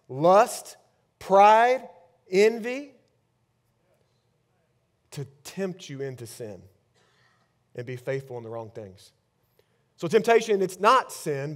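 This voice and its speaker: A high-pitched man in his thirties, a pastor, preaches a sermon with a headset mic on a big church stage. His lines swing from loud to hushed and back again.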